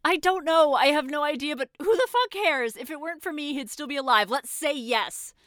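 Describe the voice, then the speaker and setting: A young woman acting a guilt-ridden former soldier who confesses by phone, talking haltingly, swearing, and sliding toward panic. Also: fairly low pitch, fairly bright tone, clear, resonant tone, dry recording, clean studio sound, natural voice. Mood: anguished. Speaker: caller confessing to a priest. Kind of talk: audio drama acting.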